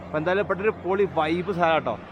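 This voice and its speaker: Talking very fast in a high voice, a Malayali-accented travel vlogger from Kerala, India, excitedly addresses his viewers in a casual vlog, blending Malayalam with English slang and repeating himself. The audio has its highs cut off, with outdoor ambience and vehicle noise in the background.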